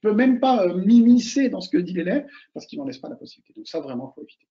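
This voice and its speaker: A man talks quickly in a fairly high, dark and mellow voice, coaching students for an oral exam. He is animated and casual, hammers home his main points and speaks straight to the listener. The recording is dull and lo-fi. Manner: animated, repeats key points, addresses listeners directly. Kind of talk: casual advice talk to students.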